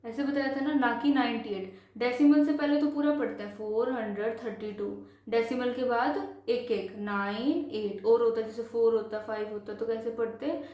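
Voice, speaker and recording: A woman teaches a simple math lesson, patiently repeating each step and slowing down to read numbers digit by digit. Her voice sits fairly high but sounds soft and mellow. The recording is very echoey, as if made in a bare room. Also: fairly even intonation. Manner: patient, repetitive, slows to spell out numbers.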